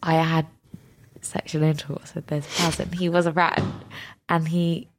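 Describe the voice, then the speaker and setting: A woman's voice: low voice, little pitch movement, measured pace, noisy background. A woman, co-hosting a casual chat, frank and teasing as she tells stories. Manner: frank, teasing, laughs at her own stories. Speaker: podcast co-host.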